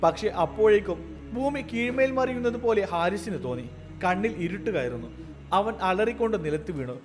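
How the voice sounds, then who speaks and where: A man narrating an emotional scripted story in an earnest way, with soft music behind him. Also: high-pitched, expressive, normal speed.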